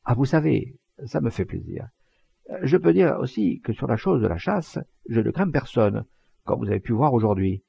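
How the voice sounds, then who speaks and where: A man voicing a blunt, boastful rustic poacher, with a husky, gravelly voice and earthy, emphatic talk. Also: medium pitch, big pitch swings, normal speed, no room sound, dull audio, exaggerated voice. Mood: earnest. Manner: earthy, plain-spoken, emphatic.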